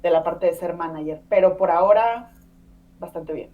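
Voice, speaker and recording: A Mexican woman in her thirties, a native Spanish speaker, chats casually as a podcast guest in a conversational interview, using many fillers and tag questions. Her voice is lowish and her speed normal. The sound is phone-quality, recorded from a distant mic.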